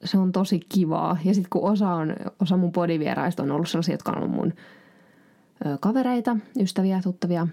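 A woman's voice: lowish voice, warm tone. A woman hosting her own podcast, chatting casually and answering listener questions, rambling with many fillers and restarts. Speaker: podcast host.

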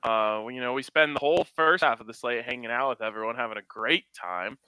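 A man's voice: mid-range voice, brisk, bright, forceful tone, slight background noise. A man hosting a sports podcast, chatting casually and jokingly about betting.

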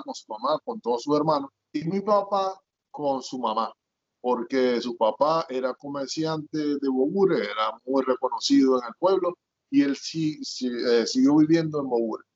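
Recorded in dull lo-fi audio, a middle-aged Venezuelan man from Zulia recounts his life story as an interview guest, speaking at normal speed in an expressive, medium-pitched voice. His Zulian accent comes through as he rambles, full of fillers and restarts.

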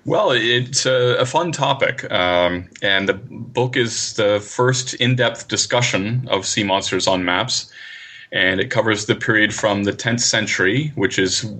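A man speaks as a research guest with a fairly low, bright voice. He explains things in measured, scholarly phrases, in the manner of an interview.

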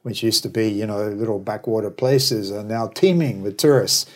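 In a lowish voice at a moderate pace, a New Zealander who later lived in Australia chats as an interview guest. He runs a travel business and his talk is discursive, full of opinions and wry little stories.

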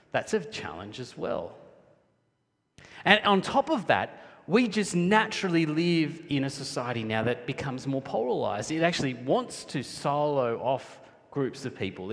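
A pastor from Sri Lanka, his voice fairly high and a bit bright, preaches a Sunday sermon to his congregation. His expressive rising and dipping delivery rings around a large church hall with long, echoing reverb.

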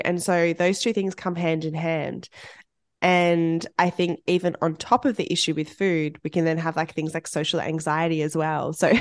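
Congested from a chest infection, a woman hosts a podcast with upbeat, chatty banter and frequent laughter. Her voice is low-pitched, and the studio-quality recording has no room sound.

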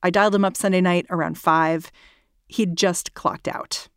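A woman podcast host with a slightly low voice speaks in a conversational, scripted style. She is recorded in a closet at home, so the sound is dry and close, with no room ring. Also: fairly even intonation, normal speed, dry recording.

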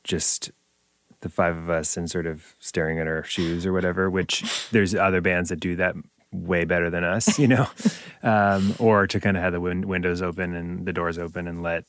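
A man's voice: low-pitched, flat delivery, normal speed, no echo, studio quality. A man talking casually in an interview as a band member, explaining things in loose, conversational phrasing.

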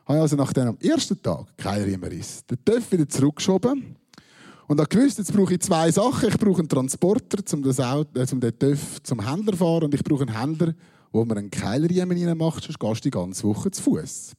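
Man, Swiss German accent, self-mocking storyteller, dry punchlines, animated pitch, husky dark tone. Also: brisk. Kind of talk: personal anecdote told to an audience.

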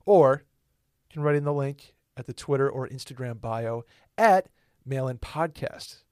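A man's voice: mid-range voice, animated, measured pace, darkish tone, dry recording. Rambling man in his twenties, dry studio. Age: 20s. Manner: loose, rambling, self-correcting. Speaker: podcast co-host. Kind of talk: casual podcast chat.

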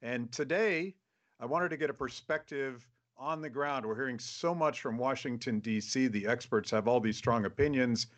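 A man hosting a show, interviewing a guest over a video call and talking haltingly with many restarts. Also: mid-range voice. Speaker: show host.

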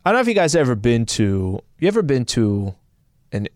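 A man's voice: medium pitch, sing-song, fairly quick, darkish tone, no echo, clean studio sound. A man with an American accent, a radio co-host telling stories casually, repeating phrases and throwing out rhetorical questions for emphasis. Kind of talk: casual animated storytelling.

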